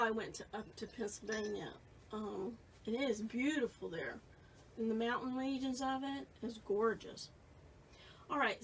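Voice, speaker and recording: A woman's voice: a little high, fairly bright tone, far from the mic, a little hiss or hum, rough recording. Chatty woman in her fifties teaching painting. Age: 50s. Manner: casual, chatty, reads viewer comments. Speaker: painting instructor. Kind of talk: live painting tutorial.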